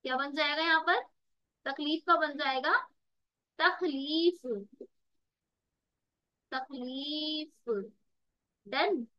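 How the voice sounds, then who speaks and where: A woman's voice: sits high, slow, pauses often, pushed and bright, no room sound, lo-fi sound. A woman tutor giving an online exam-prep lesson, calling students "beta" and repeating words with rhetorical questions to the class. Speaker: Urdu tutor.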